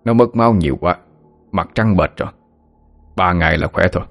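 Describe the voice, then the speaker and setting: A man voicing an older village healer who talks in a blunt, gruff way. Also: low voice, fairly quick. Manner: gruff, plain-spoken.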